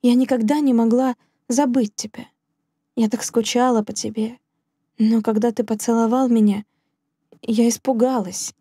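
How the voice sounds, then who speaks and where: Woman reading shy young heroine, soft and gentle, dry close sound. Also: a little high, steady tone, normal speed, slightly rough, dry recording. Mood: tender.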